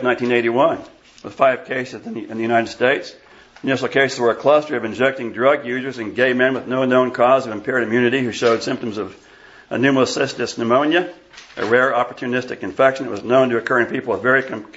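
A man's voice: mid-range voice, fairly bright tone, lo-fi sound. A pastor in his sixties from Iowa, preaching an emphatic, scornful sermon and bantering with the congregation. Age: 60s. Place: church sanctuary.

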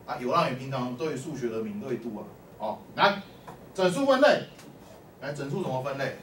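A man's voice: mid-range voice, big pitch swings, moderate pace, fairly bright tone. A man teaching a math class, quizzing his students and prompting them with short calls to answer. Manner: constantly quizzes the class, peppering speech with "lai" and "o" prompts. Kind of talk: classroom lecture. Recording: echoey classroom from far off with faint hum.

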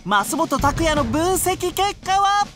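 Casting: female narrator, extremely high, measured pace, music underneath. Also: lively intonation. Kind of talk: scripted narration.

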